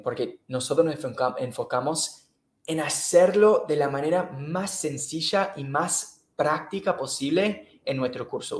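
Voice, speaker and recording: In an echoey room, a man with a medium-pitched voice teaches English during a live-streamed online class. He patiently repeats himself and checks in with his students.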